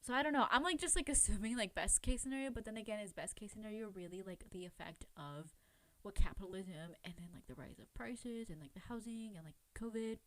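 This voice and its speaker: In a dry recording with no room sound, a female podcast host offers casual, chatty commentary on true crime. Her medium-pitched voice is fast and a bit bright, and she rambles informally, questions herself, and leans heavily on fillers, especially "like."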